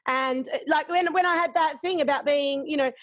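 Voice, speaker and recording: A woman's voice: high voice, a little fast, fairly bright tone, dry recording. A middle-aged Australian woman chatting candidly, swearing freely and acting out what others said. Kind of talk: casual chat.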